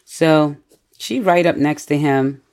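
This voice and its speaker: A podcast co-host in a casual book discussion, retelling the story in an animated way with many fillers and frequent laughter. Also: medium pitch, slow, clear, resonant tone. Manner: laughs often while retelling.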